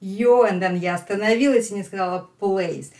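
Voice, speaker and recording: In an English lesson, a Russian-accented middle-aged teacher walks learners through a phone call one line at a time, slowly and emphatically repeating phrases. Her voice is mid-range and a little mellow.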